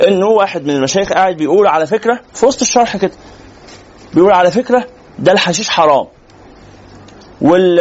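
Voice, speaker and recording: A man with an Egyptian accent giving a religious lecture in a conversational, animated way, teasing and asking rhetorical questions. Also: high-pitched, lo-fi sound, a little hiss or hum. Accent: Egyptian Arabic. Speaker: sheikh lecturer.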